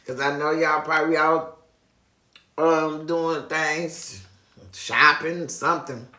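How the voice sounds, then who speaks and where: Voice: medium pitch, fairly even intonation, takes it slowly, bright, forceful tone. A person chatting casually and effusively to viewers as a video host, often repeating phrases. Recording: echoey room.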